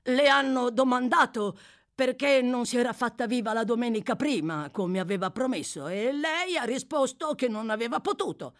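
A woman voicing a drowsy, slow-witted young man reporting in a storybook reading. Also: on the high side, expressive, voice pushed up, natural voice. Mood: plodding. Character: sleepy young male informer, slow-witted.

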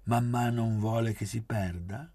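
A man's voice: fairly high pitch, wildly swooping pitch, measured pace, vocal fry, a little mellow, breathy edge, pitched above the performer's own voice, heavily acted. A man voicing a playful, teasing young woman in a storybook reading.

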